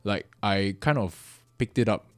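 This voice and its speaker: A relaxed young man in a casual podcast chat. He restarts his thoughts often and fills gaps with ums. His voice is low and dry, recorded up close. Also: unhurried, no echo. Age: young adult. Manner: easygoing, hesitant, lots of ums and restarts. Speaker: podcast co-host.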